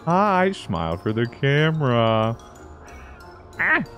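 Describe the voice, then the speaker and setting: Young male gaming host, casual and jokey, lively voice, quiet music underneath. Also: medium pitch, slow, muffled recording. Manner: excitable, jokey, frequent yelps and exclamations. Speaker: gaming YouTuber. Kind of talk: casual Let's Play commentary.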